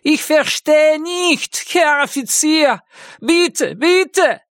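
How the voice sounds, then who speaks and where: A man voicing a terrified hanged corpse who begs for his life in a hoarse, shrill voice. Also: huge pitch swings, very slow, dry recording, clean studio sound, exaggerated voice. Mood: panicked pleading.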